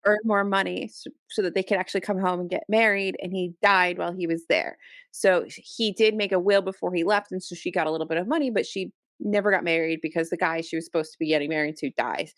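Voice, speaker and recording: A woman co-hosting a podcast in casual chat, ranting in an animated, exasperated way with many restarts, close to her microphone. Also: lowish voice, quick pace, no room sound. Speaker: podcast co-host. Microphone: close podcast mic.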